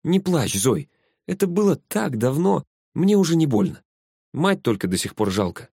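A man reading an audiobook, voicing the ghost of a little dead girl who speaks quietly and calmly. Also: medium pitch, normal speed, no echo, studio quality, close to an everyday voice. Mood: gentle. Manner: quiet, half-whispered.

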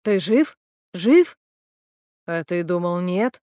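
A woman's voice: on the low side, lively intonation, takes it slowly, warm tone, no echo, clean studio sound. A woman voicing an agitated male policeman who pleads breathlessly.

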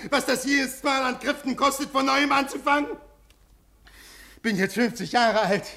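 A worn-out 50-ish man begging an official, high-ish gravelly voice, old radio play. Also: exaggerated voice. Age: 50s. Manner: pleading, swinging from quiet to raised. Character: desperate fifty-year-old man pleading with an official. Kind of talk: classic radio drama acting.

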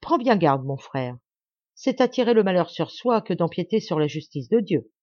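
A woman's voice: mid-range voice, big pitch swings, moderate pace, mellow, no echo. A woman reading a frightened young woman with a pleading, anxious delivery. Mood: fearful. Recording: dull dry lo-fi audio.

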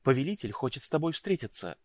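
A male audiobook narrator voicing an impatient, lively young woman who talks briskly and teases. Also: medium pitch, dry recording, studio quality, pitched above the performer's own voice, natural voice. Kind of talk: audiobook reading.

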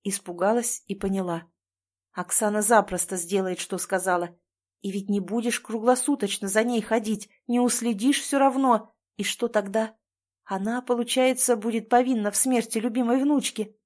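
A woman narrating a written story in a measured, steady reading voice. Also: on the high side.

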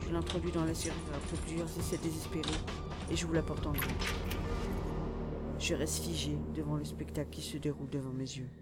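A man's voice: a little high, flat delivery, a little fast. A man narrating a first-person audio drama in a tense, urgent way. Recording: loud music under the voice.

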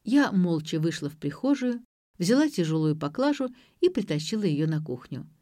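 A woman narrates a first-person audiobook in a wry, steady manner. Her voice sits on the lower side, and the recording is dry and close. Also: normal speed, no room sound.

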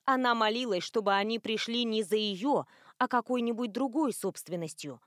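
A woman reading an audiobook as narrator in an even, clear storytelling manner. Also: fairly high pitch, normal speed, dry recording, studio quality. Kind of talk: scripted narration.

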